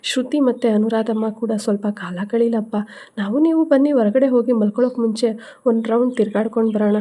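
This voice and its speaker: A woman's voice: on the high side, fairly quick, mellow, lightly acted. A woman voicing a caring young man who speaks in a soothing, coaxing way. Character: gentle young man, caring son-in-law.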